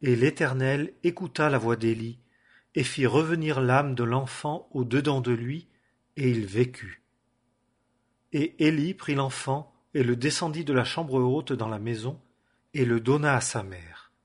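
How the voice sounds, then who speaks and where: Husky guy reading scripture, slow and solemn, middle pitch. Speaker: scripture reader.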